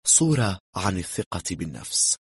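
A man reading a thriller novel aloud in a steady, measured narrating voice. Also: low voice, breathy edge, no room sound. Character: calm, cool-headed man bluffing.

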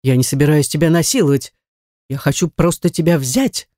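A reader doing a brash, forceful young man. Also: brisk, no echo, clean studio sound, close to an everyday voice. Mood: insistent. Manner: lower, blunt and insistent. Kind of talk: audiobook character voice.

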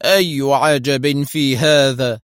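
Man putting on a high, loud, furious lawyer, slow indignant shouting, dry close sound. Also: expressive, no echo, lightly acted. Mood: outraged. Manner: angry, shouting protests. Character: indignant, short-tempered male lawyer.

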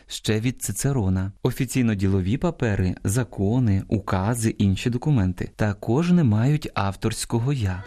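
A man's voice: mid-range voice, mellow. A man presenting a scripted radio talk on language, explaining carefully and stressing the example words. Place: radio studio.

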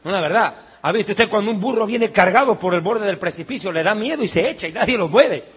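Brief: male preacher, high and husky, scornful and fiery, bursts into shouts. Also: lively intonation, quick pace. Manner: mocking, heated preaching with sudden shouts. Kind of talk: sermon.

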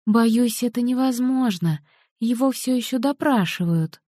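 A woman's voice: fairly high pitch, a little slow, warm tone, no room sound, clean studio sound, pitched above the performer's own voice. A woman voicing a polite police liaison officer. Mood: guarded. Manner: polite, formal. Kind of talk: audiobook character voicing.

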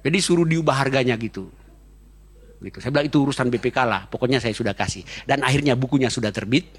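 A man preaching a sermon as pastor, fast-talking and joking, chatty with his congregation. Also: mid-range voice, slightly rough. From Indonesia.

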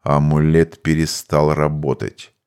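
A man voicing a calm, cryptic male mage in an audiobook, measured and matter-of-fact. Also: extremely low pitch, clean tone, pitched below the performer's own voice. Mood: puzzled. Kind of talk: audiobook character voice.

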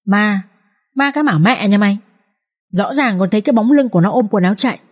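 A woman reading an audiobook voices rough village patrolmen who shout and curse gruffly. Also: mid-range voice, fast talker, close to an everyday voice. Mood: cursing.

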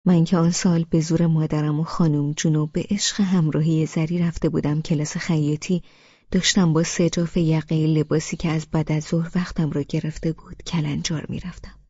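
A woman's voice: low-pitched, flat delivery, mellow, husky, no echo, highs cut off. A woman narrating a novel in the first person, intimate and sometimes close to a whisper. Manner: intimate, at times dropping to a whisper. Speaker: audiobook narrator.

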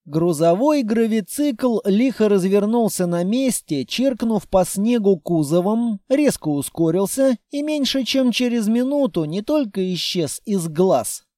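A man giving first-person audiobook narration in an even, measured reading. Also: high voice, dry recording, clean studio sound.

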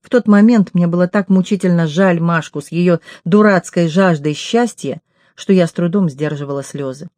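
A woman narrates a first-person novel in a measured, intimate way. Her voice is dark and mellow. The recording is dry and close, with no room echo. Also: lowish voice. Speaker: audiobook reader.

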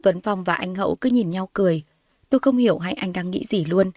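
In clean studio sound with no room ambience, a woman narrates a scripted story at a brisk pace. Her fairly low voice takes on all the characters' lines without changing into other voices, lifting whenever someone in the story shouts.

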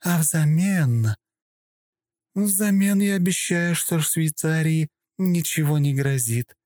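Man doing a haughty princess, high raised voice, slow icy drawl, contemptuous, dry close sound. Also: a little mellow, no room sound. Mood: menacing. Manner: cold, slow, contemptuous, threatening. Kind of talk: audiobook character voice.

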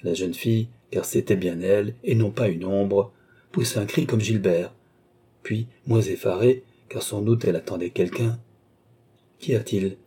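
A male audiobook narrator reading a classic novel in a measured, even way. His voice is low, dark and mellow, with a husky edge. The storytelling is steady and unhurried.

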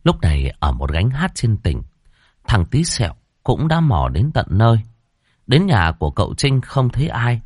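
A man's voice: lowish voice, no room sound, studio quality. Dramatic male ghost-story narrator.

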